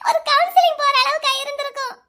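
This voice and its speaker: A woman voicing a hurt young wife in a cartoon drama, crying and accusing her husband loudly. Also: very high voice, steady tone, quick pace. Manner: loud, accusing, bitter. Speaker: voice actor.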